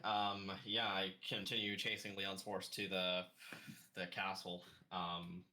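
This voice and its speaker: A man's voice: sits low, flat delivery, slow, sharp tone, a little hiss or hum. A man playing a tabletop game, speaking hesitantly with many fillers. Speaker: player.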